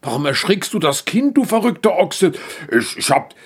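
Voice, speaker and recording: A man's voice: sits low, big pitch swings, slow pace, creaky, a bit bright, husky, full character voice. A man voicing a grumpy, cramped male ox who grumbles and stammers, in a storybook. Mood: indignant.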